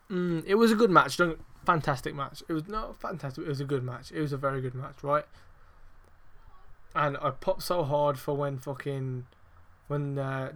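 A man hosting a casual wrestling review podcast, rambling with lots of fillers, swearing heavily and getting excitable and emphatic. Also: mid-range voice. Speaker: podcast host.

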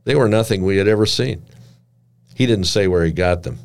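Deep-voiced older man narrating a memoir. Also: fairly quick. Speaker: narrator reading his memoir.

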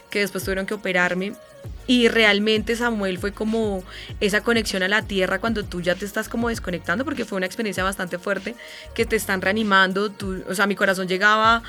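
A woman in her thirties with a Colombian accent, a radio host telling a personal story in an interview, animated and vivid. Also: mid-range voice. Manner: animated storyteller, imitates sounds and voices.

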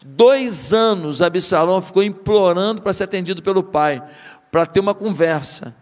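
A man's voice: high-pitched, moderate pace, long reverb tail, soft background music. A man with a Brazilian Portuguese accent preaching a sermon, retelling a story dramatically and firing rhetorical questions at the congregation. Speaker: pastor.

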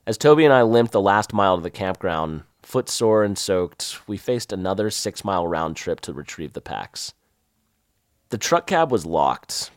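A man with a Southern accent tells a story of his own in a wry, lively first-person way. His voice is on the low side but swings widely in pitch. The sound is dry and close. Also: no echo.

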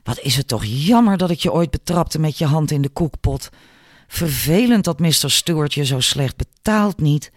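A brash, sharp-tongued laundry woman, put on by a man lifts her voice into a sassy, taunting lilt. She needles with cheek and confidence. The sound is dry and close. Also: fairly high pitch, expressive, moderate pace, no echo. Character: sharp-tongued cocky female laundry worker.

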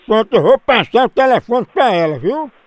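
High-voiced teasing radio prankster. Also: male voice, very animated, moderate pace. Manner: teasing, playful, goading. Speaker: radio prank show host. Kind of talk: comedic prank call.

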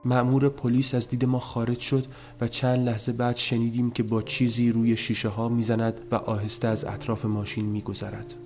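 A man narrating a story as an audiobook, in a measured, subdued telling. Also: medium pitch, level tone, a little mellow, soft background music.

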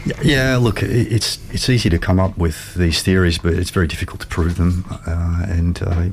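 A man talks through current affairs in a measured, conversational way. His voice is deep and fairly monotone, with a faint rumbling noise behind it. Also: vocal fry. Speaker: radio show co-host.

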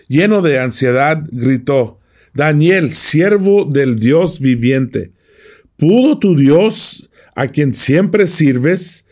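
Slow, deliberate male preacher. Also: medium pitch, a little mellow. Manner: slow, deliberate, with frequent rhetorical tag questions. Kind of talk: Bible study sermon.

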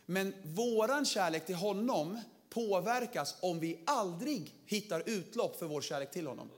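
A man preaching a lively sermon to a big gathering, energetic and playful, sometimes shouting to stir up the crowd. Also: sits high. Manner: energetic, shouts to rouse the audience, playful slang. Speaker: pastor.

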